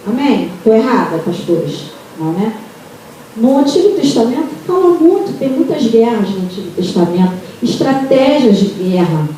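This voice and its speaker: Brazilian woman, church testimony, lively storyteller, warm tone, boomy hall reverb. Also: moderate pace, slight background noise. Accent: Brazilian Portuguese. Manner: animated storytelling, addresses listeners as "amados". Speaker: church member giving testimony. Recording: very echoey hall, taped from far off.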